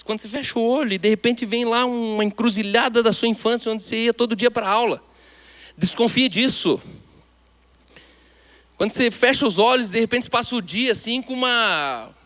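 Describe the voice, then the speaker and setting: High-voiced Brazilian pastor preaching emphatically. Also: male voice. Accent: Brazilian Portuguese. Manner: emphatic, with sudden swings between loud and hushed. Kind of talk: sermon.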